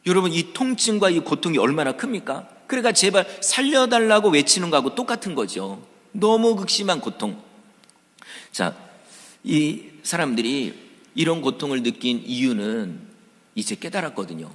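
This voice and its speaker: A pastor gives a Sunday sermon, his voice rising and falling dramatically as he plays out crowd voices from the story. He speaks in a somewhat high register for a man. The sound carries a long church-hall reverb. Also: moderate pace. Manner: animated preaching, acts out crowd voices. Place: church sanctuary.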